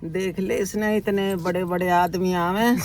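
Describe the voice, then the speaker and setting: A woman's voice: fairly low pitch, fairly even intonation, unhurried, darkish tone. An older woman with a Haryanvi accent chatting fondly, giving blessings and praise. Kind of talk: emotional casual chat.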